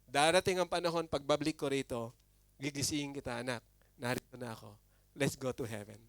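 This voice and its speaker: A pastor voicing God, gentle and fatherly. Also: medium pitch, a little fast, no echo, studio quality, pitched below the performer's own voice, close to an everyday voice. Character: God speaking gently to a believer, male, fatherly.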